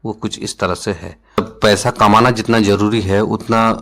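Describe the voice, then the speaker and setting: Slow, patient male teacher repeating words. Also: lowish voice, steady tone, fairly bright tone. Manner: slow and repetitive, says each word several times. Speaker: educational video presenter. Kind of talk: explanatory lesson.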